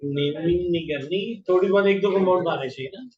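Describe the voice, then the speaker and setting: A man teaching chemistry in a classroom, quizzing students by name and slowly repeating each compound name. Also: high-pitched. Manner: questions students by name, drills terms slowly. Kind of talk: classroom lecture. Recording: roomy, distant, dull lo-fi classroom audio.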